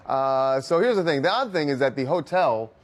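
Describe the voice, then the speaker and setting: A man hosting an entertainment news talk show with a brisk, jokey anchor delivery. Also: mid-range voice, lively intonation. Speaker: show host.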